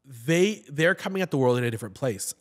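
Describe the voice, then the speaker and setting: A man in his thirties, an actor and comedian, chats casually as a podcast guest in a studio, speaking into a boom-mounted mic. He talks fairly quickly and animatedly, gesturing, repeating words and restarting sentences often.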